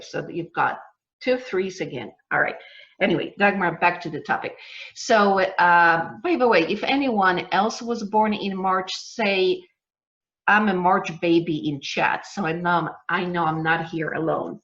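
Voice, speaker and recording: A woman business coach giving a live online masterclass, emphatic and motivational, slowing down to stress key words. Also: lowish voice, fairly bright tone, muffled recording.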